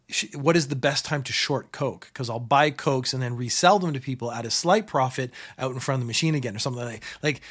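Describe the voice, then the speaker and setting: A man's voice: medium pitch, a bit bright, husky. A middle-aged man hosting a show, casually telling a rambling story and repeating phrases for comic effect.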